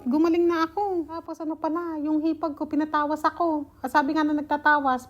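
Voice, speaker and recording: A woman's voice: sits high, a little mellow. A young woman casually telling her own life story, chatty and often laughing. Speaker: vlogger.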